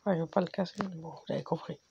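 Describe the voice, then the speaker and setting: A young man doing casual gameplay commentary, his voice hoarse and cracking from being sick, muttering to himself. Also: fairly high pitch, steady tone, very fast, highs cut off, very noisy. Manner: frustrated swearing, muttering to himself. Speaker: gaming video host.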